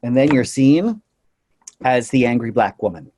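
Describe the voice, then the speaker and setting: A man giving an earnest conference talk about his slides, often pausing on "uh" and "you know" and briefly slipping into high mocking voices for quotes. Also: expressive, warm tone, breathy edge. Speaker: conference presenter.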